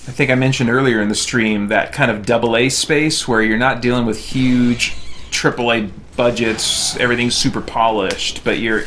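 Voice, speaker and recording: Thinking aloud and rambling as he plays, a game streamer and reviewer keeps up casual chat while hosting his livestream. He speaks at a normal speed in a medium-pitched, fairly bright voice with fairly even intonation, and background noise is clearly audible.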